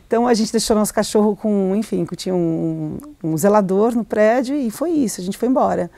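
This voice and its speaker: A middle-aged woman novelist, raised in Argentina, answers interview questions as a guest in a hesitant, reflective way with many restarts and fillers. Her mid-range voice is mellow with vocal fry, and she speaks fairly quickly.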